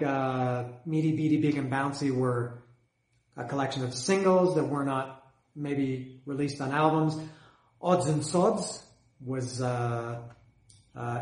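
A music collector reviewing albums chats casually about his collection, rambling and hesitant and often repeating words, and says he's losing his voice. His voice is medium-pitched and measured in pace. The recording is rough, in an echoey room.

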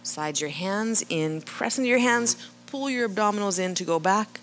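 A woman leading a live yoga class, calmly cueing breath and movement and often checking in with "right?". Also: mid-range voice, normal speed, slight background noise. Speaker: yoga instructor.

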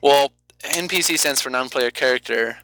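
A man's voice: mid-range voice, moderate pace, bright, forceful tone, rough recording. A man hosting a podcast and narrating a guild story as game master, hesitant and full of ums. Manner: hesitant, lots of ums and uhs.

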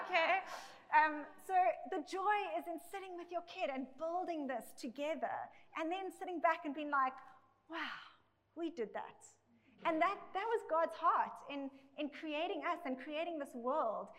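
A high-voiced woman preaches a sermon, and her voice rings out with a long echo through a big hall. She talks in a loose, conversational way and keeps checking in with "okay.". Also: bright, forceful tone. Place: large church hall with a congregation. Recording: echoey recording in a big hall.

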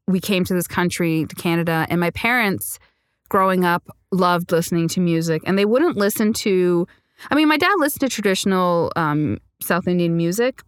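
A woman's voice: on the low side, clean tone, dry recording, studio quality. A woman, a singer-songwriter from Sri Lanka, speaking earnestly and reflectively in an interview, often laughing. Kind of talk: conversational interview.

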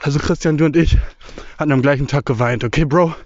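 A man's voice: fairly high pitch, fast, darkish tone, no echo, muffled recording. A young man talking casually while walking through a forest, slangy and rambling, a bit out of breath. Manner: slangy, mixes English words, rambling. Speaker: vlogger. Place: outdoors in a forest.

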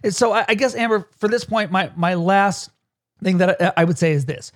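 A man with a notably high voice, chatting on a podcast as a leadership coach. He laughs often and keeps checking in with "right?". The sound is close and dry. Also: a little fast, fairly bright tone, dry recording. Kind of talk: casual podcast chat.

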